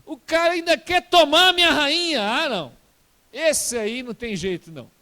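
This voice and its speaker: A man's voice: high-pitched, very animated, moderate pace, a bit bright, long reverb tail. A man voicing a casual, easily swayed Persian king in chatty, colloquial Portuguese.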